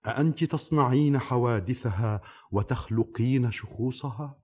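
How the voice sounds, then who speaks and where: A man's voice: mid-range voice, normal speed, darkish tone, husky, natural voice. An actor playing a commanding, curious king who keeps pressing the storyteller with questions, in an old radio drama. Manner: probing, demanding questions. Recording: slightly dull old radio recording.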